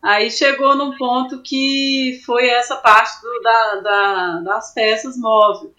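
A young woman from Brazil telling an animated story in a casual interview, laughing often and acting out what people said. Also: a little high, takes it slowly. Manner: animated, laughs often, acts out quoted voices. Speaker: climber guest.

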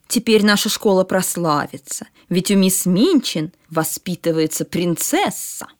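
A woman's voice: high voice, big pitch swings, normal speed, voice pushed up. A woman voicing a spiteful older schoolgirl with a sneering, scolding manner.

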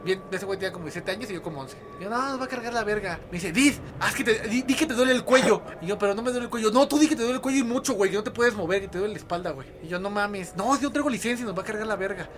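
A Mexican man telling stories in casual, slangy banter with loud, frequent laughter. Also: high voice, rapid-fire, hardly any pauses. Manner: laughs loudly and often, slangy.

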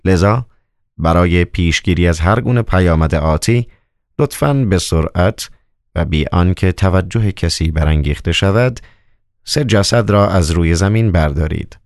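A stern, anxious Roman governor, read by a man in a hoarse, extremely deep voice. He questions in a measured, formal, commanding way, close and dry on the recording. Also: animated, a little mellow, no room sound.

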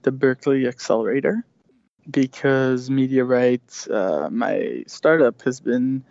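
A Swiss startup founder in his thirties speaks as a guest over a remote call in a casual interview, hesitating, restarting sentences and using lots of fillers. His medium-pitched voice has vocal fry and a slightly mellow quality at a measured pace. The remote audio is dry, dull and lo-fi, with no echo.

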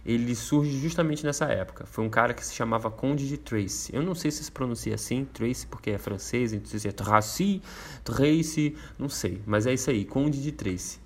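A man's voice: mid-range voice, a little fast, few pauses. A man with a Brazilian Portuguese accent hosting a casual explainer, laid-back and slangy, rambling with fillers. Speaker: host explaining a topic.

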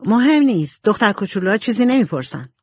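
A woman's voice: mid-range voice, sing-song, husky, no echo, clean studio sound, pitched above the performer's own voice. A woman voicing a headstrong, blunt teenage girl in an audiobook. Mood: dismissive. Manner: blunt and sharp.

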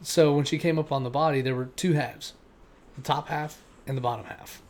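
A man's voice: fairly high pitch, steady tone, brisk, darkish tone. A man, co-hosting a podcast and telling a true-crime story in loose, casual chat with fillers and swearing. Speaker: podcast co-host.

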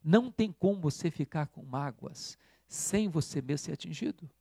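Man, pastor's sermon, emphatic repetition, gravelly, dry close recording. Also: a little high, animated, moderate pace, mellow, dry recording. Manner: emphatic, repeats key phrases for weight.

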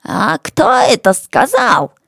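A woman's voice: high voice, animated, unhurried, no room sound, clean studio sound, voice pushed up. A woman voicing a sly, cowardly ex-mullah of forty-two who fawns and stammers. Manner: fawning, stammering, pleading.

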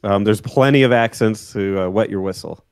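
A man co-hosting a casual gaming podcast, relaxed and explaining things while laughing along. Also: on the low side, moderate pace, vocal fry, clear, resonant tone, no echo, clean studio sound. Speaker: podcast co-host. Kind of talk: casual chat.

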